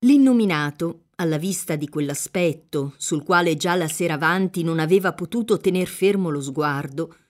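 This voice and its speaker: A woman reading a classic novel aloud in a measured, even storytelling manner. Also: on the low side. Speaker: reader.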